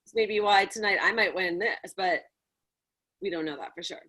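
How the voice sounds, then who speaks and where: A woman's voice: medium pitch, normal speed, pushed and bright. A chatty woman competing in a contest, joking casually and a little dramatically.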